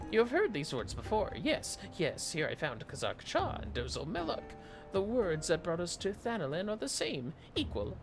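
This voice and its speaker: A man's voice: sits high, creaky, voice pushed up, full character voice. A man voicing a fussy, proud kobold mage in a fantasy game, who keeps repeating words as strings of synonyms. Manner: compulsively repeats synonyms in threes. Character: fussy, excitable male kobold mage, proud of his ancestry.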